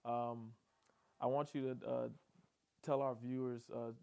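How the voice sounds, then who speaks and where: A man's voice: mid-range voice, level tone, a little slow, gravelly, mellow, clean tone. A man co-hosting a talk show, asking questions casually with many hesitations. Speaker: co-host. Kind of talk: interview questions.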